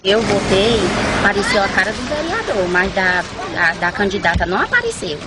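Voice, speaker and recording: Street interview, female voter, plain halting retelling, distant mic. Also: medium pitch, sing-song, very noisy. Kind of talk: recounting an experience.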